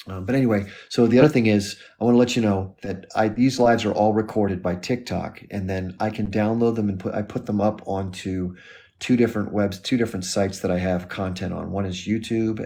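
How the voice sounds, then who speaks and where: A man hosting a live stream, talking casually in a relaxed, rambling way as he closes the show. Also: sits low, creaky. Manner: relaxed, rambling, friendly sign-off talk.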